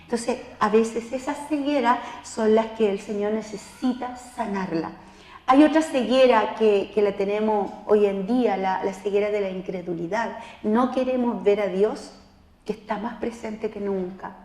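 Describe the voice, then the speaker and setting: A woman preaching at a spiritual seminar. She talks straight to the listener and acts out the people she quotes. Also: unhurried. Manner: expressive, acts out quoted voices with rising pitch; addresses listener directly as tú. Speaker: lay preacher teaching a seminar. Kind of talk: spoken sermon teaching. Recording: roomy hall with long reverb.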